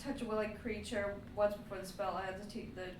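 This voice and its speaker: A woman's voice: medium pitch, fairly even intonation, brisk. A woman chatting casually and informally as a player in a tabletop game, swearing freely. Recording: echoey room, distant mic, faint noise.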